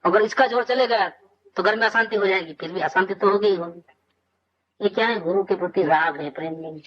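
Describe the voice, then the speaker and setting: A man's voice: high voice, a little fast, breathy edge. Male spiritual teacher, conversational discourse, rhetorical questions, muffled lo-fi sound. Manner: conversational, asks rhetorical questions and answers them. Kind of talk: informal scripture discourse.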